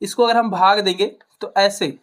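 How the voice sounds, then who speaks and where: A woman's voice: medium pitch, steady tone, normal speed. A woman with a Hindi accent from Uttar Pradesh teaching maths. She asks questions, answers them herself and keeps checking with "ठीक है". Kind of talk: classroom-style explanation to students.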